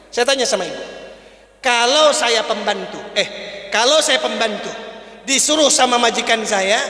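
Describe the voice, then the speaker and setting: A man's voice: extremely high pitch, bright, forceful tone. A man giving a playful, humorous sermon in a mosque hall, teasing the congregation and acting out little scenes. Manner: playful, teasing, acts out scenes, calls out to listeners. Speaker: preacher. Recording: echoey hall with long reverb.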